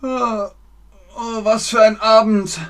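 A man's voice: high-pitched, little pitch movement, slow pace, a bit bright, smooth, voice pushed up. A man doing a worn-out guy after a night out. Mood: weary.

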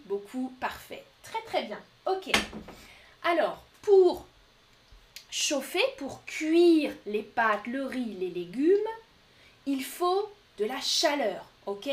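A woman teaching French vocabulary in a live online lesson, speaking slowly and clearly and repeating each word for learners. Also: sits high, a little hiss or hum.

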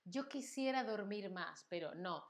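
A woman's voice: mid-range voice, lively intonation, measured pace. A woman from Spain with a Spanish accent, teaching a live-streamed language class with acted examples and frequent check-ins.

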